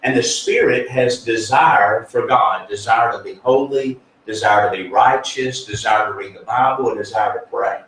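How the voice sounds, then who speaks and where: Male pastor, earnest and folksy, mid-pitched, heard from across a reverberant room. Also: moderate pace, few pauses, fairly bright tone, slight background noise. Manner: earnest, folksy, with many fillers and restarts. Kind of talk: conversational spiritual teaching. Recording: echoey room, distant mic, faint ambience.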